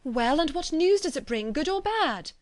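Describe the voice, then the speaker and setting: A woman voicing an eager young daughter who speaks in high, urgent bursts. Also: sing-song, moderate pace, no echo, studio quality.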